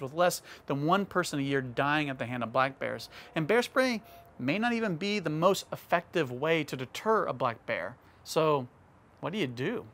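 A man's voice: a little high, fairly bright tone. A man, an outdoors vlogger, telling a hiking story and talking straight to his viewers in a casual way. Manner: conversational, addresses viewers directly.

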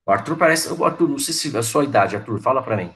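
A man's voice: mid-range voice, animated, fast talker, fairly bright tone. A man in his forties, a teacher chatting to his online class, reminiscing and calling on students by name. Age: 40s.

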